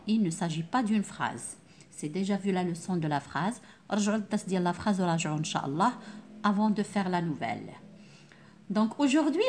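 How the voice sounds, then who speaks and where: Lively-voiced woman teaching a class. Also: medium pitch. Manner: explains slowly, repeats key words, asks the class questions. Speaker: primary school teacher. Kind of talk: remote classroom lesson.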